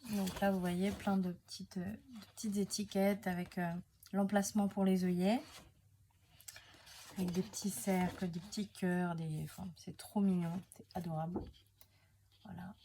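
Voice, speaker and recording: Woman unboxing scrapbook papers, chatty, lots of ums, mid pitch, slight hiss behind. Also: flat delivery, normal speed, mellow. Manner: chatty and hesitant, many fillers and self-corrections. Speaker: scrapbooking crafter presenting her channel. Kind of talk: casual unboxing chat to camera.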